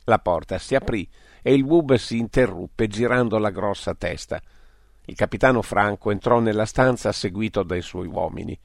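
A man reading an audiobook story aloud in a steady narrating manner. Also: on the low side, moderate pace, gravelly, no echo, clean studio sound.

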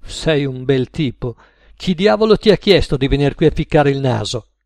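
A man voicing a belligerent small ex-boxer who snarls and shouts insults, in a storybook reading. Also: medium pitch, animated, moderate pace, dry recording, natural voice. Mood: furious.

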